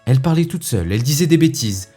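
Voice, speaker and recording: Man playing a huffy, ranting fussy gentleman. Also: medium pitch, animated, fast, husky, faint music behind, pitched above the performer's own voice. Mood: indignant. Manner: huffy, ranting, theatrical asides. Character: fussy, indignant middle-aged gentleman who hates monologues. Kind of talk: comic stage monologue reading.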